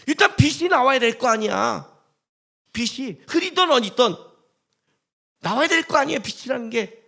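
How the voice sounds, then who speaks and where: A man's voice: very high voice, gravelly. A male pastor preaching a sermon in a church, telling stories in casual everyday speech and joking with the congregation. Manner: animated, joking, colloquial storytelling with acted quotes.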